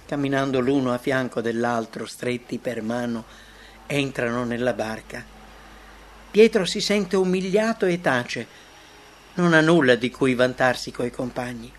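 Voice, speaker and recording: A man narrating a devotional story aloud, expressive, with big swings in pitch and loudness. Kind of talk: dramatic reading of a devotional story.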